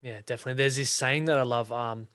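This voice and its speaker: A man hosting a podcast, speaking in a relaxed, earnest way and asking follow-up questions. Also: medium pitch, fast, no room sound, clean studio sound. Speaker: podcast host. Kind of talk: casual conversational interview.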